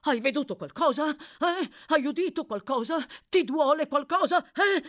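A woman voicing a hot-tempered elderly male doctor who barks questions at a shout, high and strained. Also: wildly swooping pitch, unhurried, breathy edge, heavily acted. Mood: agitated. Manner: explosive, barking questions.

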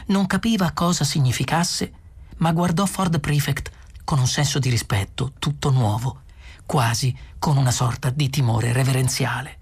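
A man reading a novel aloud as an audiobook narrator, in steady, measured storytelling. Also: medium pitch, husky. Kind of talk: scripted narration.

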